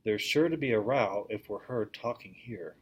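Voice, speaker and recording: A man's voice: fairly low pitch, lively intonation, moderate pace, slightly rough. A man reading aloud, voicing a timid, cautious youngest English girl. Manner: nervous, cautious.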